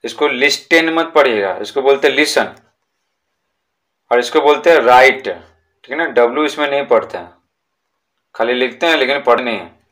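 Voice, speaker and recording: A man's voice: mid-range voice, a bit bright. A young man with a mid-range voice explains a school lesson step by step. He talks patiently and keeps asking his listeners whether they are following along. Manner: reads English lines slowly, then explains; repeats points with "ठीक है ना". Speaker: English teacher.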